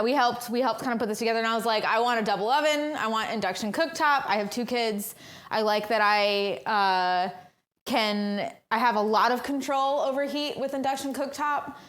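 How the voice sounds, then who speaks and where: A woman hosts a casual cooking livestream from her home kitchen, chatting along with plenty of ums and uhs. Her voice is a little high, with a fairly bright tone.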